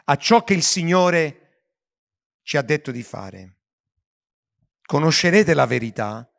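A man's voice: a little high, fairly bright tone. A man preaching a sermon as pastor, earnest, with frequent restarts and stumbles over words.

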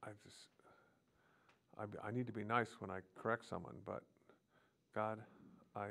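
A man delivering a sermon with a gravelly, creaky edge to his voice. He speaks in short, broken phrases and often restarts them. He moves earnestly between plain teaching and prayers spoken aloud. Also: lowish voice, fairly even intonation, moderate pace, a bit bright. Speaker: preacher.

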